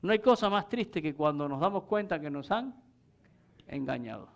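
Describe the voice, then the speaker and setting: Preaching at a moderate pace, this man has a voice on the high side with a sing-song quality. He teaches from scripture, weaves in anecdotes, and asks his audience rhetorical questions.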